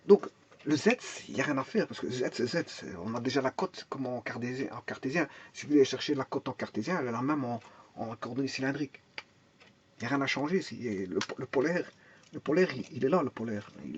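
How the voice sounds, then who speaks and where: A man's voice: medium pitch, expressive, brisk, highs cut off, a little hiss or hum. A man teaching a math and physics lesson, explaining step by step, thinking aloud, repeating words and restarting often, and asking and answering his own questions.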